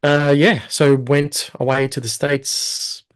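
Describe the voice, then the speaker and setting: A man with a clean, rather high voice takes his time as he speaks. He's a casual interview guest recounting his story with animation, playing out his earlier thoughts and quoting himself in lively asides.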